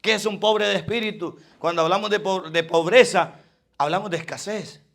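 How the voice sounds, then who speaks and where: Fervent male preacher, high gravelly voice, alternates loud emphasis with quiet asides. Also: moderate pace. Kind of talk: sermon.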